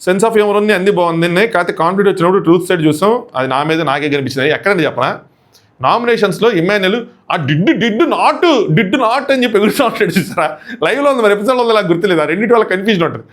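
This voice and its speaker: Fast-talking man reviewing a show. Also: high-pitched. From India. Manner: chatty, animated, acts out contestants' lines. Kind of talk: casual episode review commentary.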